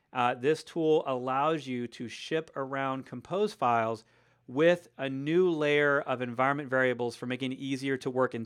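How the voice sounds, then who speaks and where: A man's voice: mid-range voice, clear, resonant tone. A man hosting a live question-and-answer stream, explaining enthusiastically with frequent fillers, his voice wearing out. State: losing his voice.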